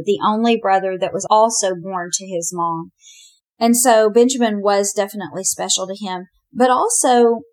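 Woman teaching a chatty Bible lesson. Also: medium pitch. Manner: chatty, animated, often says "you know".

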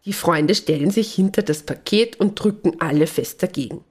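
A woman reading a children's story aloud as host, with a gentle, clear, animated delivery. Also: fairly low pitch, moderate pace.

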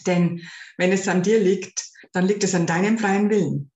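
A woman's voice: medium pitch, fairly even intonation, moderate pace, a little mellow, dull audio, slight background noise. A woman hosting an advice podcast as a spiritual life coach, talking earnestly and directly to the listener. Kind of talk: casual spoken advice podcast. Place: room at home with a window. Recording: roomy echo.

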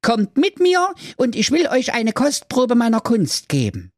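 Show-off young magician son, shrill high voice, grand spell-chanting. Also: male voice, wildly swooping pitch, measured pace, a little mellow, no echo, clean studio sound, full character voice. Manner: theatrical, grand, incantatory.

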